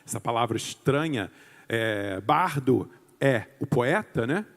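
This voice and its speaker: A man's voice: medium pitch, animated, slow pace, long reverb tail. A man giving a lecture-style talk to an audience, theatrical and emphatic, explaining terms step by step.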